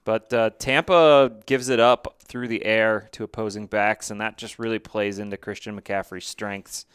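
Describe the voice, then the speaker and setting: A man's voice: on the low side, fairly even intonation, moderate pace, a bit bright, clear, resonant tone, no echo, studio quality. A man co-hosting a casual fantasy football chat, thinking aloud with fillers and restarts. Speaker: podcast co-host.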